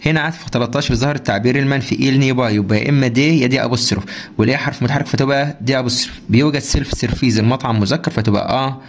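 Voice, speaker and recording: A man with an Egyptian Arabic accent teaching a French lesson, drilling through homework answers and quizzing the class with quick rhetorical questions. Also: mid-range voice.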